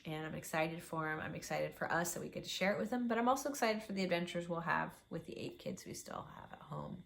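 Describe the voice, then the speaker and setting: A middle-aged woman chatting casually and from the heart as a vlogging mother, halting and emotional as she shares her feelings. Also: fairly low pitch, big pitch swings, vocal fry, slight background noise. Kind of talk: casual, heartfelt vlog chat.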